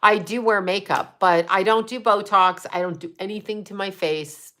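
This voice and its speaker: Speaking at a moderate pace with a slightly bright, medium-pitched voice, this fifty-something woman runs a relaxed livestream. She responds to viewer comments with blunt, profane chatter, mixing friendly tips with jabs at trolls.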